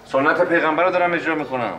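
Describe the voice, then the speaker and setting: A man's voice: fairly high pitch, lightly acted. An actor playing a brash young male suitor who talks with bold, lecturing insistence. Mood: preachy. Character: cocky young male suitor, pushy and preachy. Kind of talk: comic screen acting. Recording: noisy background hiss.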